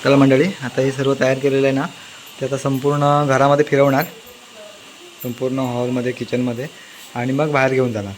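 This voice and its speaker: A man's voice: mid-range voice, little pitch movement, fairly quick, slight background noise, low-quality recording. A man from the Konkan coast talking casually to his channel's viewers with hesitant fillers, filming on a phone at his village home. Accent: Konkan Marathi. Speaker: village vlogger. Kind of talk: casual vlog narration. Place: village home and outdoors in rain.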